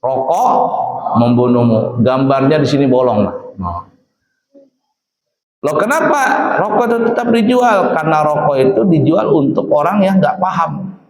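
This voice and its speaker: A man's voice: a little high, very animated, moderate pace. A man giving a casual religious lesson to boarding-school students, quizzing them with questions and answering them himself. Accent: Indonesian. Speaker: pesantren teacher. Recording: echoey hall with a crowd of students.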